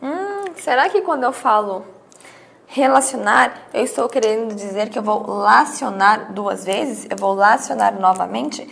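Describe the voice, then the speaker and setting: Gravelly-voiced woman teaching grammar. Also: medium pitch, lively intonation, normal speed, hardly any pauses. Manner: explains with rhetorical questions and checks; acts out students' questions. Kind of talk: grammar lesson.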